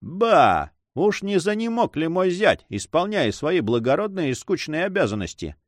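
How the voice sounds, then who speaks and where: A man's voice: fairly high pitch, big pitch swings, normal speed, dry recording, clean studio sound, voice pushed up. Man doing Don Sancho, a teasing young nobleman. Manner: ironic, light, bantering.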